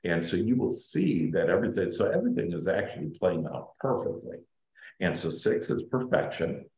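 A man with a deep voice talks informally as an inspirational spiritual teacher. He is enthusiastic and effusive, often repeating a word to drive it home. The recording has a noticeable room echo and a dull tone. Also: sing-song, moderate pace, darkish tone. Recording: dull, roomy echoing sound.

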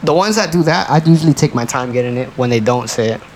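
A man's voice: mid-range voice, expressive, fast talker, a little mellow, a little hiss or hum, poor audio. A man co-hosting a podcast in casual chat, laid-back and profane, full of slang and "you know what I'm saying.". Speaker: podcast co-host.

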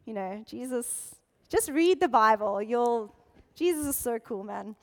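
Woman pastor, high voice, lively conversational sermon, reverberant hall. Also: a little slow. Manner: animated, conversational Bible teaching.

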